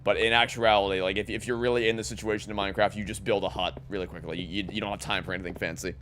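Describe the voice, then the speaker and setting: Low-voiced man rambling over gameplay. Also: steady tone, rapid-fire, fairly bright tone, slight background noise. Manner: rambling, repeats words as he thinks. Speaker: streamer. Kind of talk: live gameplay commentary.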